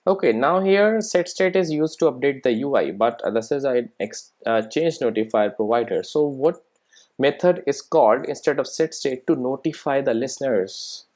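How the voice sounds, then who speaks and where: Talking through programming steps casually, this presenter sounds like someone thinking aloud at work. The mid-range voice has lively intonation, moderate pace, and a slightly mellow quality. Short rhetorical questions and a frequent "right?" check that the listener is keeping up.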